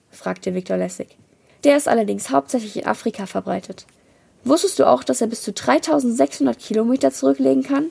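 A woman's voice: gravelly, mellow, slightly rough. A woman reading a children's novel aloud, lifting her voice for the dialogue. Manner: switches into livelier, higher voices for quoted dialogue. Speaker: reader of a book excerpt.

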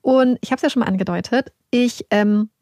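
Animated woman telling stories, slightly high. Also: normal speed, no room sound. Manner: animated, self-mocking storytelling. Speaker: podcast co-host. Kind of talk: casual podcast chat.

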